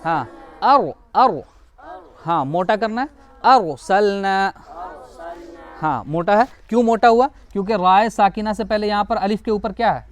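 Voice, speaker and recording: A man teaching a Quran reading lesson in a classroom style, explaining patiently, repeating each example and answering his own questions. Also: sits high. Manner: drawls out example words slowly to model pronunciation.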